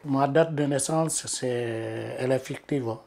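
A man in his seventies calmly telling about his childhood in an interview at home. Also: medium pitch, measured pace, gravelly. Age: 70s. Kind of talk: testimony interview. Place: living room, indoors.

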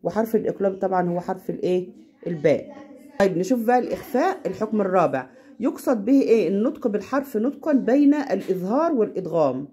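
A woman with an Egyptian Arabic accent tutoring a child at home, patient and slowing down to demonstrate recitation. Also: medium pitch, lively intonation, dark tone, husky. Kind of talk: casual home lesson.

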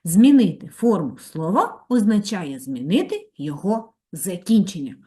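Woman teacher, lower voice, very lively pitch, slow careful dictation, primary school lesson. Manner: slow, clearly spaced dictation, lively sing-song pitch. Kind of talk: online grammar lesson for third graders.

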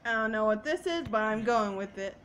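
A woman's voice: a little high, expressive, a little fast, fairly bright tone, slight background noise. A young woman playing a game for the first time and chatting casually, flustered and confused, with mild swearing and defensive retorts. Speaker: gaming channel co-host playing the game. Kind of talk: casual gaming chat.

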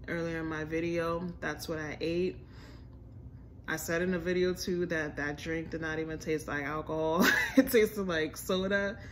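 Deep-voiced and casual, a young adult American woman reviews a restaurant on camera for her food vlog, using chatty, slangy language. She's filming in a home room that has a staircase. A slight background noise is audible.

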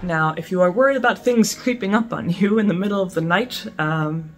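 A chatty young woman in her twenties talks straight to a camera in a small room at home, giving casual camping advice. Her pitch is moderate, she stumbles and restarts with many fillers, and faint music plays behind her. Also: brisk. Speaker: camping vlogger.

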